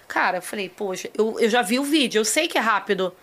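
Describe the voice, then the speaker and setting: A woman's voice: mid-range voice, expressive, fast talker, a bit bright. A woman guest in a casual podcast chat, telling her story with animation and acting out her own panic.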